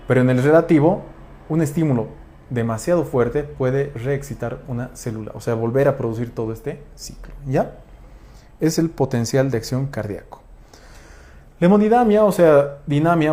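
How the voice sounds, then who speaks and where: Mellow-voiced man teaching physiology. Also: mid-range voice. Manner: didactic, asks rhetorical questions with tag checks. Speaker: physiology lecturer. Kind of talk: explanatory lecture.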